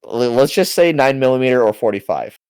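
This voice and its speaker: A man's voice: mid-range voice, animated, fairly quick, darkish tone, clear, resonant tone, dry recording. A young man co-hosting a casual podcast, talking hesitantly with frequent restarts and laughter. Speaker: podcast co-host. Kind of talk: casual banter.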